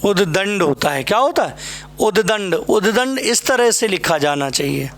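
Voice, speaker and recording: A man's voice: sits high, expressive, moderate pace, a bit bright, a little hiss or hum. A man teaching a Hindi spelling class for exam students, drilling each word over and over and checking in with tag questions. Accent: Hindi from north India. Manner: addresses students fondly as "बेटा" and "भाई मेरे". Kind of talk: spelling lesson at a board.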